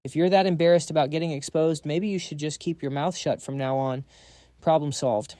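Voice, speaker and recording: A man putting on a drained, sarcastic young student in a storybook recap, grumbling in slangy asides. The tone is mellow and slightly high, recorded dry and close. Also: steady tone, brisk, no echo, lightly acted. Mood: exasperated. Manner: exasperated, slangy inner monologue. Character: weary young male student, sarcastic and panicky.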